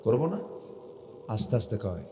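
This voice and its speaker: A man's voice: on the low side, big pitch swings, normal speed, dark tone. North bengal preacher guy at an open-air crowd, voice swooping up and down, long echoey PA sound, faint crowd hum. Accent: North Bengal Bangla. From Bangladesh. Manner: rousing call-and-response, urging the crowd to chant back; rhetorical questions to the audience, folksy asides. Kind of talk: sermon at an open-air gathering. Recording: reverberant amplified sound with faint crowd ambience.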